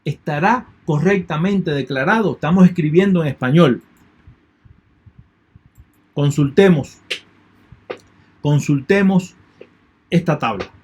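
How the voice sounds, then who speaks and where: A man's voice: a little high, slow pace, long pauses, a little mellow, husky. A man teaching an online lecture in a methodical way, repeating key points and thanking his students. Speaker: university lecturer.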